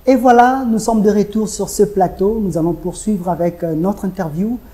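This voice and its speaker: A woman hosting a business web show, asking formal, measured interview questions. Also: medium pitch, warm tone.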